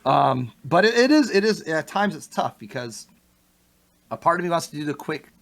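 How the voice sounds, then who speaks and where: A young man chats as a podcast guest in an easy, conversational way. He is animated, laughs often and restarts his sentences as his thoughts race ahead. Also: on the high side, normal speed, creaky. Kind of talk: casual interview chat.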